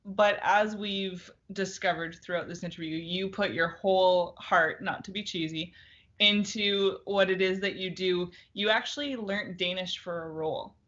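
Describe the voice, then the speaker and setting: A woman's voice: on the low side, moderate pace, a bit bright, highs cut off. A woman hosting a casual interview over a video call, friendly and encouraging with short questions. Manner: friendly, encouraging, brief responses. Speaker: interviewer, host. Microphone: video call from home.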